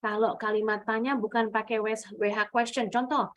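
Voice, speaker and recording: Woman, English teacher to kids, online lesson; a bit high-pitched, patient, over-marks her intonation when demonstrating. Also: level tone, moderate pace. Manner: patient, explains step by step with exaggerated rising and falling demos. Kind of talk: online class teaching children.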